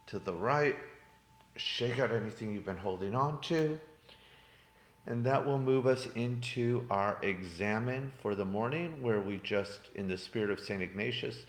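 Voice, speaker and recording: Man, priest, deep voice, gentle unhurried guided meditation, conversational pauses, roomy echo. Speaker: Jesuit priest leading daily meditation. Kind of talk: guided meditation and spoken reflection. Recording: echoey room.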